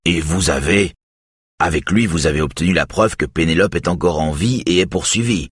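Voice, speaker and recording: A man voicing a strict middle-aged male police chief who speaks firmly and loudly. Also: normal speed, slightly rough, no room sound, studio quality. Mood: stern. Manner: strict, booming.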